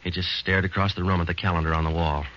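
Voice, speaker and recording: A male actor plays a calm, matter-of-fact police sergeant narrating a 1940s radio drama, using a flat, clipped delivery. His voice sits low and moves fast, on a dull old broadcast recording with slight background noise.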